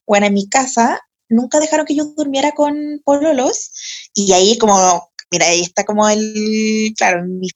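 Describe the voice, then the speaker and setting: A young adult woman from Chile with a Chilean Spanish accent, telling a personal story in a casual, animated and profane way, laughing often. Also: medium pitch, moderate pace. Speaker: podcast host.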